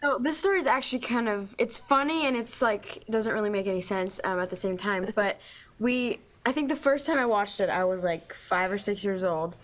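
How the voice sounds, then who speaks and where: A woman's voice: medium pitch, normal speed, fairly bright tone. A young woman guesting on a talk show, answering in a giggly, hesitant way with many fillers. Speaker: actress guest.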